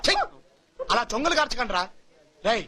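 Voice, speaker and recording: A man's voice: very high-pitched, big pitch swings, fairly quick, loud music behind the voice. A young actor playing an earnest college student who lectures his friends in film dialogue. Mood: lecturing. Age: young adult. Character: earnest young male student, studious and moralizing.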